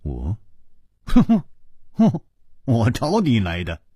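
A man's voice: on the low side, very animated, slow, darkish tone, breathy edge, dry recording, studio quality, heavily acted. A man voicing an easygoing, witty male hero in a storybook reading, speaking in an amused, laid-back way. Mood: wry.

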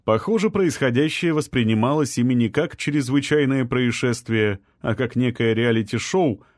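A man reading an audiobook in a measured, even storytelling manner. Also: medium pitch, dry recording, clean studio sound. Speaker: audiobook narrator. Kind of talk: scripted narration.

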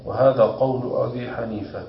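A man, a student, reading a classic text aloud evenly and pausing for the teacher's corrections. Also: medium pitch, fairly even intonation. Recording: roomy, dull recording with background noise.

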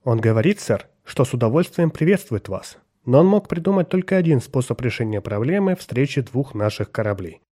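A man's voice: medium pitch, very animated, fairly quick, few pauses, mellow. A man reading an audiobook, voicing a dutiful interpreter who relays an alien captain's words in a subdued, formal way.

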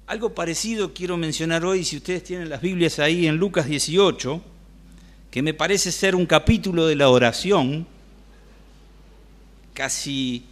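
A man with a Rioplatense Spanish accent preaching a sermon in a church, talking conversationally and asking the congregation questions. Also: fairly high pitch.

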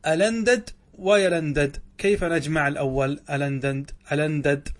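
A man's voice: a little high, steady tone, normal speed. A man teaching Arabic grammar in a lesson, asking his own questions and answering them, often drawing out words as he explains. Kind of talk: classroom lesson.

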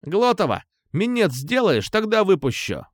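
A man's voice: high voice, big pitch swings, measured pace, no room sound, studio quality, pitched above the performer's own voice. Brief: oafish school bully, crude and mocking, a man doing it, audiobook. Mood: jeering. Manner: jeering, coarse, whiny when caught. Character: hulking crude teenage bully boy.

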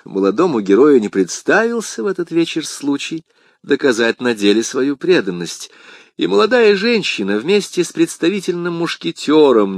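A man reading a historical adventure novel aloud as an audiobook narrator, with dramatic, expressive storytelling. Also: on the high side, no room sound, studio quality. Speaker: audiobook reader. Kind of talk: scripted narration.

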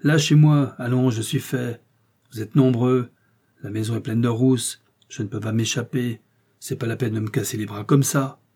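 A man voicing a rough, defiant male master criminal with a coarse, jeering way of talking, in an audiobook reading. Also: mid-range voice, fairly even intonation, normal speed, dark tone, natural voice. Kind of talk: audiobook character voice.

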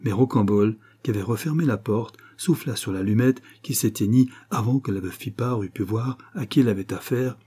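A man narrates a novel in a low, husky voice with a dark, mellow tone. His reading is measured and even, keeping a steady storytelling pace through long passages. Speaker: audiobook narrator.

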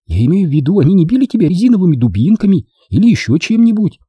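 A man voicing a playful, chatty young woman who teases her lover, raising his pitch high. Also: big pitch swings, very fast, husky, dry recording, dull audio, heavily acted. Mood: teasing. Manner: chatty, teasing.

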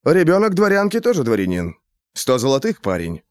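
A man voicing a calm mercenary assassin who haggles over the price of a killing, in an audiobook. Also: medium pitch, fairly quick, smooth, no echo, clean studio sound. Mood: calm haggling.

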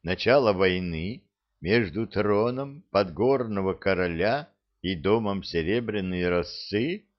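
A man's voice: sits low, takes it slowly, highs cut off. A man voicing a haughty elf lord who barks commands. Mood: imperious. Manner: barking orders, imperious.

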